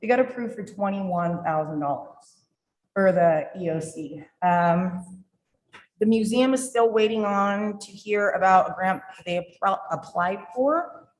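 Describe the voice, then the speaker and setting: A woman's voice: mid-range voice, unhurried, low-quality recording. A woman on a city council giving a casual, chatty report. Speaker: council member. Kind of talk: council meeting.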